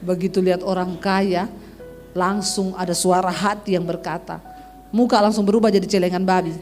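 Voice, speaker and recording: A woman's voice: fairly low pitch, normal speed, faint music behind. A middle-aged woman pastor preaching in a chatty storytelling way, often turning to the congregation. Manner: lively, chatty, addresses the congregation directly. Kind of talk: storytelling sermon.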